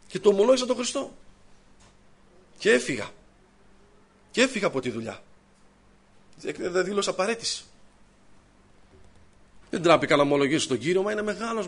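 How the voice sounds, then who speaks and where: A man preaches to his congregation in a fairly high voice. He swings from loud, raised bursts to low, hushed asides, weaving personal stories into his sermon.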